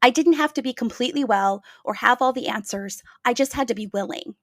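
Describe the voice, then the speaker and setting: A woman's voice: on the high side, a little fast, fairly bright tone, no room sound, clean studio sound. A woman hosting a podcast, telling a reflective story in an earnest, emphatic way. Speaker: podcast host.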